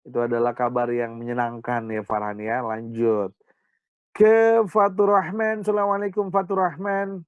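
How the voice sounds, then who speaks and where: A male teacher calls the roll on a video call, teasing his students as he goes. His voice is smooth and resonant. The sound is dry and a little muffled. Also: mid-range voice, flat delivery, moderate pace, no room sound. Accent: Indonesian. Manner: joking, teasing banter with students. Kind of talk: online class roll call.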